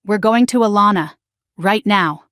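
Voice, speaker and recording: A tense young man gives clipped, urgent orders in a storybook narration, as a woman reads him in her own mid-pitched voice. The sound is dry and close, with no room around it. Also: moderate pace, a bit bright, no echo, lightly acted. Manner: terse, urgent. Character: tense young man driving family to safety.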